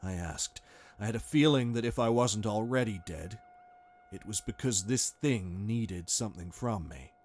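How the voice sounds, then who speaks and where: A man's voice: lowish voice, normal speed, a little mellow. A man reading a first-person horror story aloud in a tense, dramatic way. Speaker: narrator. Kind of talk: scripted horror narration.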